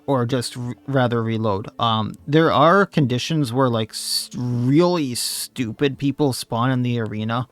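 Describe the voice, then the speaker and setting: Slightly hoarse man narrating gameplay. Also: medium pitch. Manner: thinking aloud, casual and unhurried. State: slightly losing his voice. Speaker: let's play host. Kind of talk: gameplay commentary.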